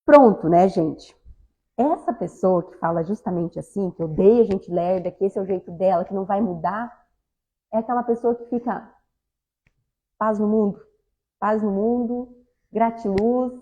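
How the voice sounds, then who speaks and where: A woman's voice: mid-range voice, normal speed, mellow, lo-fi sound. A woman giving a spiritist talk, speaking conversationally and often addressing the audience directly. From southern Brazil. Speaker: lecturer at a spiritist center.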